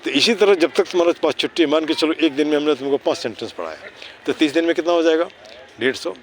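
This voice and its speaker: A man's voice: on the high side, expressive, fast, slight background noise. A man casually teaching children outdoors near a city park, mixing English words into his talk, reciting rhyming slogans and checking understanding with constant tag questions. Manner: mixes English words and phrases into Hindi. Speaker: neighbourhood cleanliness volunteer teaching children.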